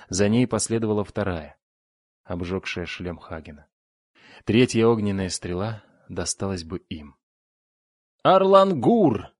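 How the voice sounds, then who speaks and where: A man narrating a fantasy audiobook in a steady, dramatic reading on a close studio mic. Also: lowish voice, dry recording. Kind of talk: scripted narration.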